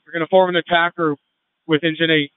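A man speaking as a fire incident commander over two-way radio, giving brisk procedural orders in urgent firefighter radio traffic. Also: a little high, level tone, clean tone, dry recording. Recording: tinny narrow-band two-way radio.

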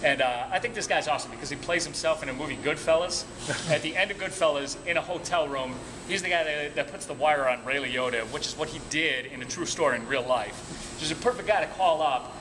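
This tour guide is a man with a slightly high voice who talks fairly quickly, spinning casual, comic stories for a group in colloquial style. He chuckles at his own anecdotes while the noisy room occasionally has music in the background.

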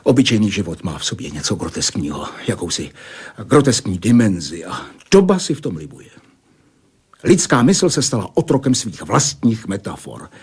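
A man's voice: on the low side, very animated, slightly rough, full character voice. An actor in a radio play voicing an older male physicist who pleads with a woman and lectures at length, sometimes sinking to a whisper. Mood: lecturing. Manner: pleading then philosophizing, drops to whispers. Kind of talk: Czech radio play acting.

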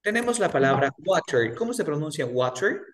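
A young man teaching English pronunciation in a one-on-one lesson, patiently drilling words slowly and repeating them. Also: on the high side, sing-song.

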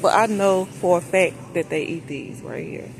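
A woman with a fairly low pitch and noticeable vocal fry talks at a moderate pace, vlogging casually as she walks through a large supermarket and thinks aloud in a folksy manner. A handheld phone behind the camera records her, and the store is noisy.

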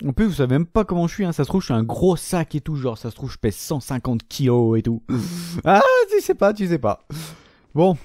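A young man giving joking, foul-mouthed commentary while playing a video game, often shouting at enemies. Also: medium pitch, animated, fairly quick, no room sound. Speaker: gaming video host. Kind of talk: casual let's-play commentary.

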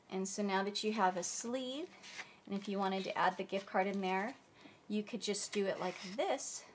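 With a faint hiss or hum in the recording, a woman of medium pitch hosts a crafting channel tutorial, explaining step by step at her table. Her tone is chatty and friendly, though she sounds stuffy and under the weather from a cold. Now and then she hunts for words in this casual demonstration.

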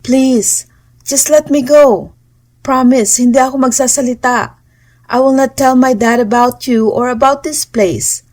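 A woman's voice: a little high, a little fast, a little mellow, lightly acted. Woman voicing a desperate young female captive. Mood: pleading. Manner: pleading, raised voice, emphatic. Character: young woman captive, frightened but defiant.

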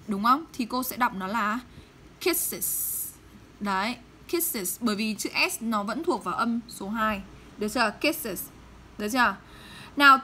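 A woman teaching English pronunciation in Vietnamese, modeling English words slowly and checking often with her students. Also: fairly high pitch, sharp tone, a little hiss or hum. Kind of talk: pronunciation lesson.

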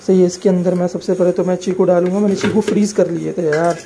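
With a crowd audible behind him, a young Pakistani man talks fast in a high voice with fairly even intonation. In this easygoing vlog he makes a shake at home, then waits at a drive-through in his car, chatting and addressing viewers as "brother." The handheld phone recording is noisy.

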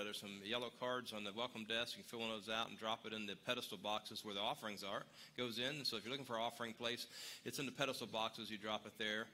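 A man's voice: medium pitch, sharp tone, a little hiss or hum. A man giving casual announcements at a church service, chatty and rambling, joking with the congregation.

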